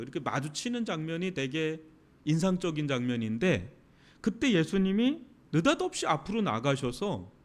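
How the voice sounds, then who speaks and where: A male pastor delivering a Friday night sermon, with dramatic swings from soft, drawn-out phrases to sudden loud outbursts. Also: on the high side.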